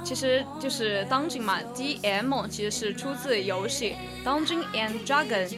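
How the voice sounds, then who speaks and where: A woman co-hosting a casual podcast chat, speaking Mandarin with a slight Sichuan accent, lively and eager. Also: fairly high pitch, a little slow. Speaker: podcast co-host. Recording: music playing behind.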